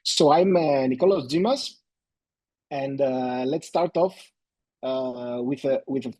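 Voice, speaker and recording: A man's voice: mid-range voice, slow, a little mellow, no echo. A man, presenting a live webinar as an endodontist, hesitant and full of fillers and restarts. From Greece.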